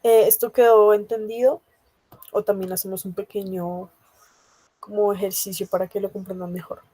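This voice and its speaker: A woman teacher walks her class through a grammar lesson in a mellow, dark-toned voice. She pauses on frequent fillers and keeps asking whether everyone follows. The sound is close and dry. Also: mid-range voice, level tone, dry recording. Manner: patient, checks understanding often; many hesitation fillers. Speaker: language teacher.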